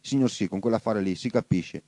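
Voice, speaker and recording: A man's voice: on the low side, a little fast, dark tone, no echo, natural voice. A man reading as a devoted young soldier orderly. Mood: dutiful. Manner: short dutiful replies.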